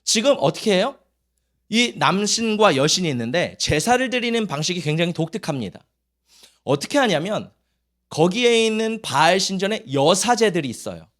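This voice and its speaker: A man's voice: high voice, very animated, normal speed, fairly bright tone. A male pastor preaching a Sunday sermon, telling stories and acting out children's voices.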